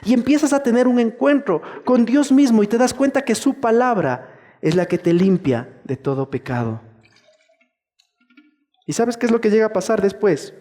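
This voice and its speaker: A man preaching a sermon to a church congregation, his voice sitting fairly high for a man. He acts out the churchgoers he talks about, now quiet, now rising. The sound rings on in a reverberant hall. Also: normal speed. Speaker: pastor.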